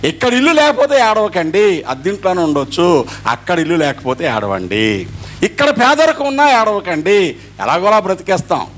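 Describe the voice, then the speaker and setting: A man's voice: high-pitched, big pitch swings, moderate pace. A middle-aged male pastor preaching an Easter sermon, acting out dialogue as he goes.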